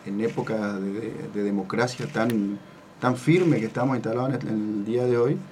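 A man's voice: lowish voice, moderate pace, a little mellow. A man with an Argentine accent hosting a casual radio talk show, friendly and earnest, his throat slightly sore. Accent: Argentine Spanish. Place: radio studio. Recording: distant mic with faint noise.

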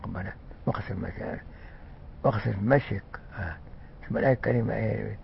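An older man with an Egyptian accent giving a conversational religious lesson, often pausing with fillers and restarting words. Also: fairly low pitch, vocal fry, slight background noise. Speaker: religious scholar. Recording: muffled lo-fi recording.

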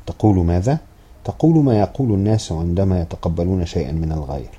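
A stern, fretful old grandmother who scolds sharply, read by a man in a very low, very dark voice. Her words come from a storybook read aloud. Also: a little fast, husky, highs cut off. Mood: scolding. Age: older.

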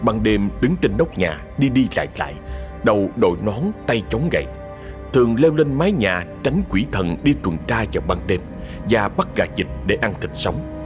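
A man reading a horror story in a dramatic, expressive narrating voice. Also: lowish voice, moderate pace, music in the background.

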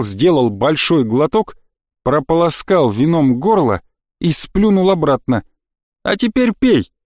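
A male narrator reads a fantasy audiobook in a steady storytelling manner. His voice sits fairly high for a man. The recording is dry and close. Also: no echo.

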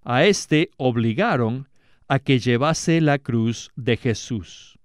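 A man reading scripture aloud as scripted narration, measured and deliberate with dramatic pauses. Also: fairly high pitch, clean tone, dry recording, studio quality. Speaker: Bible reader.

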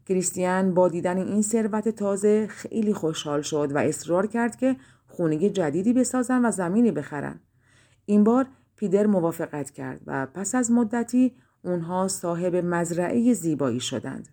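A woman narrating a fairy-tale audiobook in a calm storytelling manner. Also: medium pitch.

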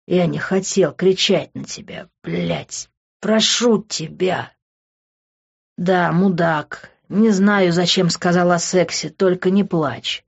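Brief: narrator doing a young male lover, low and soft-spoken, muffled audio. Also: slow, vocal fry, husky, heavily acted. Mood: tender. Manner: low, hushed pleading. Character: young man, brusque lover turned tender.

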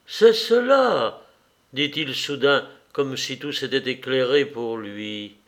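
A man reading a novel aloud as an audiobook, measured and even. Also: medium pitch. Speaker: audiobook reader.

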